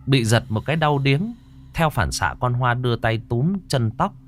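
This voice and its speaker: A man's voice: mid-range voice, moderate pace, over music. Man telling a ghost story. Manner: lively, dramatic telling.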